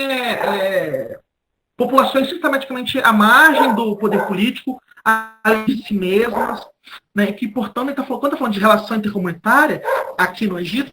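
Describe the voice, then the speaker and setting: A Brazilian history professor gives an off-the-cuff academic lecture as a guest lecturer. His voice is high and bright, and he speaks haltingly, repeating and rephrasing words.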